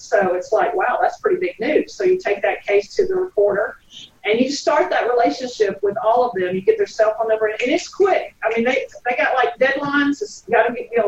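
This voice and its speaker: A woman's voice: a little high, a little hiss or hum. A woman with a Southern US accent, telling stories in a chatty way with swooping intonation as an interview guest. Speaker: private investigator, guest. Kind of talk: animated storytelling in conversation. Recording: roomy, distant, slightly dull sound.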